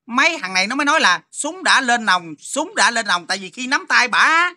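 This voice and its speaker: A man's voice: extremely high pitch, fairly quick. A man with a Southern Vietnamese accent telling a story in casual chat, repeating words as he stumbles along. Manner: stammering repetitions, animated storyteller.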